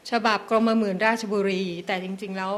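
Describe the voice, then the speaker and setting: A woman's voice: mid-range voice, little pitch movement, a little fast. A woman lecturer at a meeting, carefully and politely explaining reading rules step by step. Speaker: invited lecturer.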